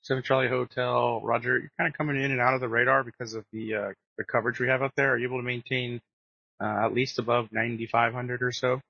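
A man's voice: mid-range voice, flat delivery, quick pace, vocal fry, dry recording. A man giving procedural instructions as an air traffic controller over radio. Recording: muffled dry aviation radio.

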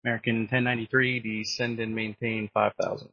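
Atc guy, quick crisp-edged instructions over muffled dry radio. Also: lowish voice, little pitch movement, a little hiss or hum. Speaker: air traffic controller.

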